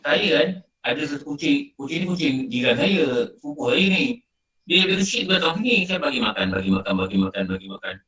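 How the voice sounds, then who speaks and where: A man's voice: medium pitch, expressive, a little fast, pushed and bright. A middle-aged man with a Malaysian Malay accent, giving an informal religious lecture and telling stories with many repetitions. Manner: conversational, storytelling with repetition. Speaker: religious teacher. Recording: roomy sound, distant from mic.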